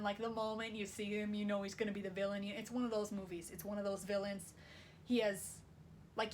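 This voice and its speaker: A woman's voice: mid-range voice, slight background noise. Wry woman recapping a movie. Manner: wry, sarcastic, casual swearing. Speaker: video essayist.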